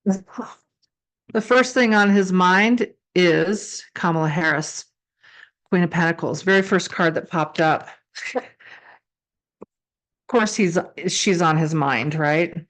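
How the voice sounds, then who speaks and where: A woman's voice: on the low side, slow, pauses often. A woman giving a casual, improvised tarot reading, speaking conversationally and repeating phrases for emphasis. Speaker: tarot card reader and psychic.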